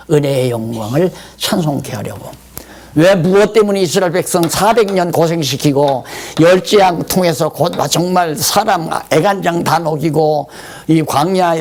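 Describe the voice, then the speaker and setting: A man's voice: on the high side, creaky. An older man preaching a Bible lecture, acting out people's complaints to God in a raised voice. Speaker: pastor.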